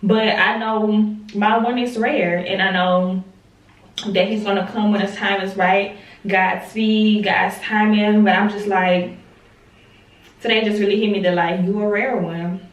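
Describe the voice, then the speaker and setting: A woman's voice: mid-range voice, steady tone. Chatty young woman vlogging, roomy and distant. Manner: candid and chatty, swears freely, drawn-out "like"s. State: talking with a lozenge in her mouth. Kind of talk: casual vlog talk to camera. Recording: roomy and distant with faint noise.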